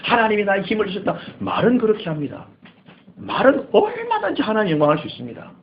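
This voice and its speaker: Animated high-pitched male pastor preaching. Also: quick pace, highs cut off. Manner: animated preaching, acting out scripture quotes. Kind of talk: sermon. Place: church.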